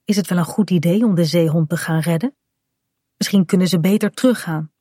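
Woman reading a kids' story aloud, clear and even, dry close mic. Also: fairly low pitch, brisk, no echo. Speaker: narrator. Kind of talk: children's storybook narration.

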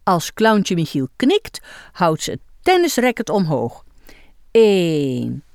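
A woman reading a children's story aloud in an expressive way. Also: medium pitch, a little slow, no room sound, studio quality.

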